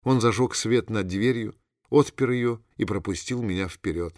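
A man reads an audiobook as scripted narration, his voice on the low side and his delivery even and measured. The recording is dry and cleanly studio-produced.

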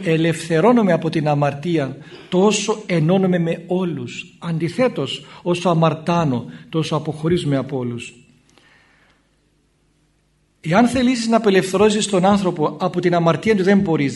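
High-voiced priest giving a lively sermon. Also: male voice. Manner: conversational, acts out little dialogues in shifting voices. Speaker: Orthodox priest. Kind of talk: spoken sermon.

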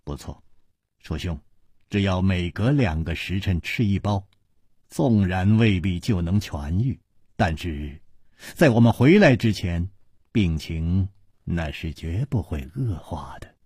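A husky-voiced man in traditional storytelling, voicing a courteous male host who speaks in a measured, polite way. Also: low voice, animated, mellow, dry recording, studio quality, exaggerated voice.

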